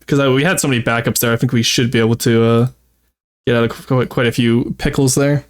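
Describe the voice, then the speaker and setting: A man's voice: mid-range voice, fairly even intonation, fast talker. A man streaming a strategy game with casual live commentary, thinking aloud and talking to his chat. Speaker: streamer, VTuber.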